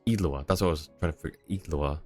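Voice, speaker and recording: This man's voice is very deep and darkish, and he talks fast while chatting casually on a game livestream. He rambles, thinks aloud and reads chat over background video game music.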